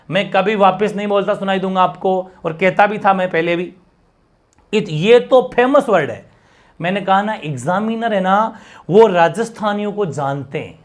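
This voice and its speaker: A high-voiced man, teaching a live exam-prep class in a conversational way. He keeps checking that his students follow along and warmly answers viewers in the chat. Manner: explains with constant check-ins to students. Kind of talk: exam-prep language lesson.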